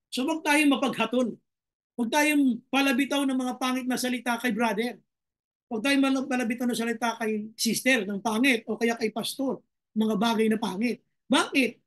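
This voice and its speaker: Male Filipino pastor, high voice, slow verse reading, rhetorical questions. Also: fairly bright tone. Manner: preaches in Taglish, reading Bible verses slowly, then pressing with rhetorical questions. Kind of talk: sermon.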